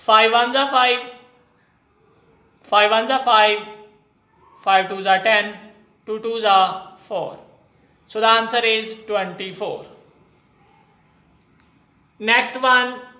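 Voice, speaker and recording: A maths teacher with a Pakistani accent giving a whiteboard lesson in halting, piecemeal phrases, voice of unclear sex. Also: mid-range voice, bright, forceful tone. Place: indoors at a whiteboard. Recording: echoey room.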